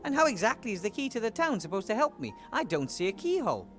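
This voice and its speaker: A cheerful young woman mage from a game, friendly and curious. Her voice is high and leaps around with life. Faint music plays behind her. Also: big pitch swings, quick pace. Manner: bright, friendly questioning.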